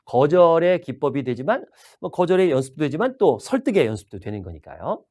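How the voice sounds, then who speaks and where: Male sales coach, quick and animated, lecturing straight to camera and quizzing his viewers. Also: on the high side. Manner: animated, asks the audience questions. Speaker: sales trainer. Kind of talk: video lecture.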